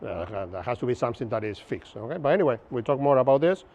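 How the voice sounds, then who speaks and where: With an animated, quick delivery in a mid-range, darkish voice, a Buenos Aires man in his fifties teaches a workshop from an open-sided outdoor pavilion, with slight background noise in the recording. A native Spanish speaker with an Argentine accent, this instructor is chatty and jokey and keeps checking in with the audience.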